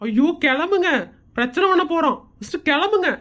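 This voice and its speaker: A woman's voice: extremely high pitch, animated, a little fast, a bit bright. A woman voicing a fussy, anxious young woman neighbour in a cartoon comedy.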